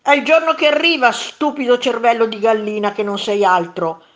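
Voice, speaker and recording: A woman voicing a grumpy, bickering monster in a children's story read aloud, yelling insults back in a raised voice. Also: lowish voice, animated, slow, creaky, full character voice. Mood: angry yelling.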